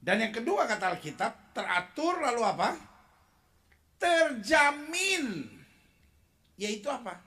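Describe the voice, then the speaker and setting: A man preaching a lively sermon with jokes, acting out quoted voices and asking the congregation to repeat after him. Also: high-pitched, fairly quick, hardly any pauses. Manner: animated, acts out quoted voices, asks the crowd to repeat.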